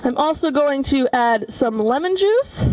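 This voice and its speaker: A young culinary student with a high-sitting voice and lively intonation takes her time demonstrating a dish in a large studio kitchen, using frequent fillers as she explains each step. Crowd noise surrounds her, and she's recorded far off the mic.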